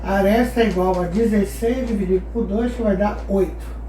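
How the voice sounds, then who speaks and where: A woman's voice: medium pitch, normal speed, warm tone, slight background noise. Woman teaching, echoey and distant. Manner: patient, asks the class questions and answers them. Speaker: math teacher. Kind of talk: explaining a geometry lesson. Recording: echoey room, voice far from mic.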